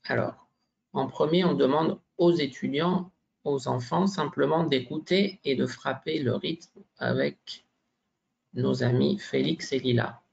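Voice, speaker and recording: A man's voice: medium pitch, measured pace, vocal fry, a little hiss or hum. A man giving a teacher-training workshop presentation, hesitant, with many fillers and frequent tag questions. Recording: dull lo-fi sound.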